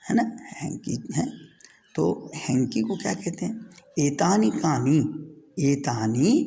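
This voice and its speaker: A middle-aged man teaches Sanskrit to schoolchildren, stepping slowly through each word and repeating it for them to follow. His voice has a gravelly fry, and it trails off in a long reverb. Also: medium pitch, darkish tone. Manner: slow, patient, repeats each word for children. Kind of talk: classroom lesson over a screen recording.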